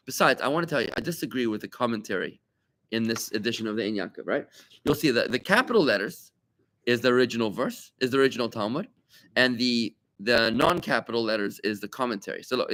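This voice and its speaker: A man, a rabbi, teaching a Talmud class to students, animated and full of rhetorical questions, repeating key points for emphasis. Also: medium pitch. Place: study room with students.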